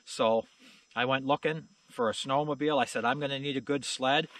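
Brisk and fairly bright, this middle-aged man's mid-range voice keeps a fairly even intonation. He's a channel host rambling casually through a walkaround of snowmobiles in a snowy outdoor yard, folksy and plain-spoken, dropping "you know" and "uh" constantly.

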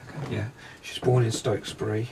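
Male psychic medium, low and gravelly, hesitant and halting delivery, faint noise in the background. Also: level tone. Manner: hesitant, halting descriptions with many pauses. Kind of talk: paranormal investigation commentary. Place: inside a railway carriage.

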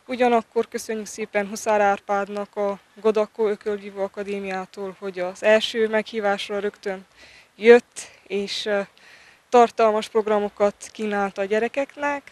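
A woman's voice: medium pitch, darkish tone. A woman coach earnestly describing her sports camp, with hesitant fillers. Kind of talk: news interview statement.

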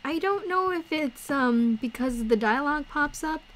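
A woman streamer giving chatty, excitable commentary on a game she is playing. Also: sits high, normal speed. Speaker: gaming streamer.

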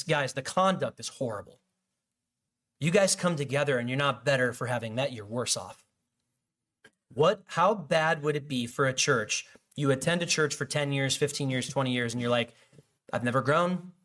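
A man's voice: mid-range voice, normal speed, fairly bright tone. A man preaching a sermon as pastor, in a conversational, jokey way full of asides, with frequent fillers and restarts.

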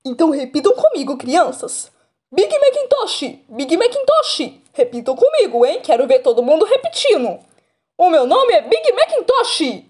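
A Brazilian woman voicing an excitable male cartoon pony in a fan role-play, melodramatic and gasping, with a Brazilian Portuguese accent. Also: very high-pitched, moderate pace, full character voice. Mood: proud.

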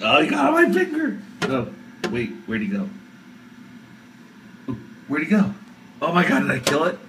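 High-pitched, melodramatic man with swooping delivery. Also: fairly bright tone, distant mic, a little hiss or hum, low-quality recording. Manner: theatrical, swearing, melodramatic. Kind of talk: improvised reaction while filming on a phone. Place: indoors at a metal sink. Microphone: handheld phone camera.

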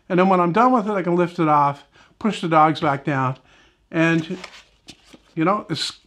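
A man's voice: a little high, a bit bright. A middle-aged man hosting a woodworking video, talking casually in his home workshop, rambling and correcting himself as he goes. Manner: rambling, conversational, self-correcting, lots of "right?" and "you know". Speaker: woodworking channel host. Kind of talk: casual workshop demo talk. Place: home woodworking shop, indoors.

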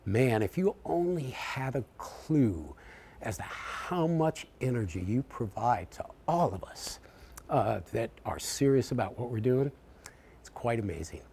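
Man, sixties, from the US Midwest, retiring professor, farewell lecture, mid pitch, gravelly, halting and heartfelt. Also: animated, darkish tone. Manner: reflective, heartfelt, halting with fillers. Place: lecture hall.

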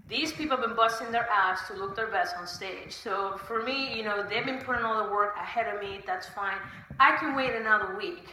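A woman's voice: a little high, sharp tone, echoey room, a little hiss or hum, poor audio. A woman in her thirties from Puerto Rico, talking candidly and bluntly to her phone camera in a casual home vlog. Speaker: fitness vlogger. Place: small bright room of a house, home gym. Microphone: phone camera held at arm's length.

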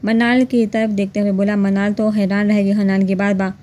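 A woman reads a romance novel aloud in a steady, even way. Her voice is mellow and dark, at a middle pitch. Scripted storytelling narration. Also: moderate pace.

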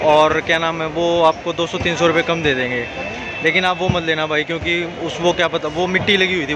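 A young man chatting to viewers while he walks through a busy outdoor market, camera at arm's length. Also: fairly high pitch. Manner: chatty, addresses viewers as brother. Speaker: vlogger. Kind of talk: casual walking vlog. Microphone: camera held at arm's length. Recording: crowded street noise. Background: crowd chatter.

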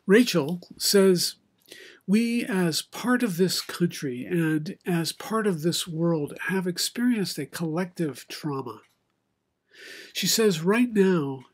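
Slow, husky-voiced older male pastor. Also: on the high side. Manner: measured, reflective delivery with many pauses. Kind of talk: sermon. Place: home study with bookshelves. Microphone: video call webcam, head and shoulders.

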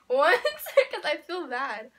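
A young woman chatting casually and excitably, laughing through her words as stifled giggles burst out. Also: high-pitched, drawn-out words. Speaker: challenge video host. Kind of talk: casual chat. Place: small cluttered bedroom, indoors. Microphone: camera at short distance.

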